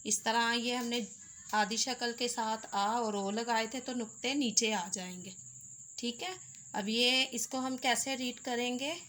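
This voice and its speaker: A woman's voice: on the high side, a little slow, a bit bright, a little hiss or hum. A woman teaching Urdu letters step by step, patiently sounding out each letter with its vowels. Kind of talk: slow step-by-step lesson.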